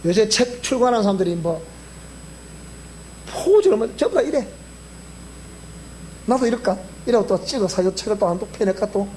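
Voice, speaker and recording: Male pastor, Gyeongsang accent, sermon delivery with a swooping, highly expressive pitch. He quizzes the congregation, with faint hiss underneath. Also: fairly quick. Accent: Gyeongsang Korean. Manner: animated, keeps quizzing the congregation. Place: church sanctuary.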